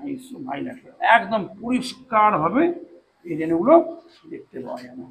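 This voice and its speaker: A man teaching a classroom biology lesson, slowly spelling out long terms and often checking that students follow. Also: sits high, animated, vocal fry, fairly bright tone, slight background noise, rough recording. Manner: slow deliberate spelling out of terms, frequent check-ins. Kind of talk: classroom lecture.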